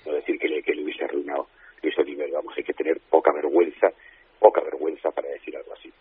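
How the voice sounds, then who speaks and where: A man's voice: very deep voice, level tone, quick pace, breathy edge, no room sound. A man with a Spanish accent from Spain, a radio guest speaking on the phone, indignant and emphatic, often repeating himself. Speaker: interview guest. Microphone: telephone. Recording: tinny phone line.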